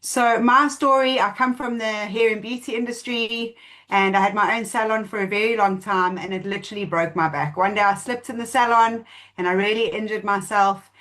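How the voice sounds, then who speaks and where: A woman's voice: medium pitch, fairly bright tone. Earnest woman telling her story. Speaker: testimonial speaker. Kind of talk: personal testimony at an online presentation.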